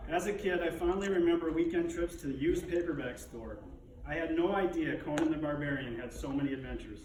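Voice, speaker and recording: A man with a slightly high voice reads a prepared eulogy for his father. His grief is dignified and held in, lightened by wry, fond humor. He sounds distant from the microphone, in a very echoey room. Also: brisk, a crowd in the background. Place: echoey room, speaking to a gathering.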